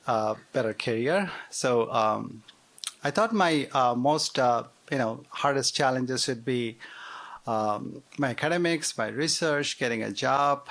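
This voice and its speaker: A man's voice: mid-range voice, a bit bright. A man in his forties from Bangladesh with a Bangladeshi accent, telling a live story on stage with wry, self-deprecating humor and frequent fillers. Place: theater stage before a live audience.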